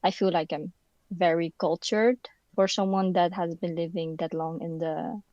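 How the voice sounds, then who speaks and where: A young woman from the Philippines who was raised in the Netherlands, a university student, appears as a podcast guest in a casual conversation in an indoor room, searching for words and using many fillers. Her voice is lowish and darkish, with fairly even intonation at a moderate pace. There's no room sound, and the highs are cut off.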